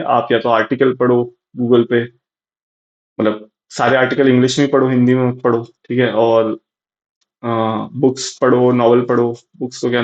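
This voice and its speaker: A man's voice: medium pitch, a little mellow. A young man giving casual, rambling exam advice, full of fillers and restarts. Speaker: exam prep youtuber. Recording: slightly dull lo-fi audio.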